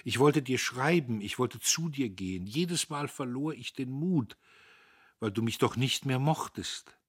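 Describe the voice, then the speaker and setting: A man reading aloud, voicing a young woman who is timid, devoted and soft-spoken. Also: mid-range voice, animated, unhurried, husky, no room sound, studio quality, voice pushed up. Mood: pleading.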